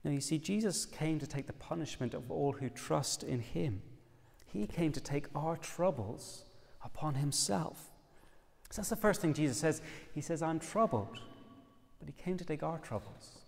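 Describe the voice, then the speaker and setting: Irish man, sermon, emphatic delivery, slightly high voice, long church reverb. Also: moderate pace, gravelly. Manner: expressive, emphatic preaching with quoted scripture. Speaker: preacher.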